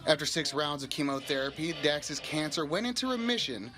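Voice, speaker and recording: Higher-voiced man narrating a news report. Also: animated, brisk, over music.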